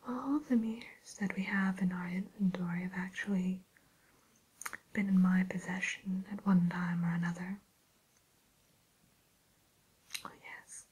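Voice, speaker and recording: A woman playing a haughty evil fairy-tale queen turned shopkeeper in a breathy ASMR whisper, speaking in a genteel, unhurried way. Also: on the low side, steady tone, darkish tone, poor audio. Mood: haughty, aloof. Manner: genteel, aloof, unhurried, hesitant pauses.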